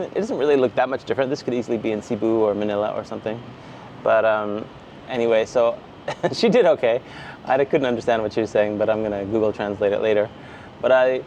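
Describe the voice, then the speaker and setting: A man's voice: mid-range voice, darkish tone, slight background noise. Hesitant man vlogging casually. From Canada. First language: English. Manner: hesitant, searching for words with frequent fillers. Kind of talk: casual vlog to camera.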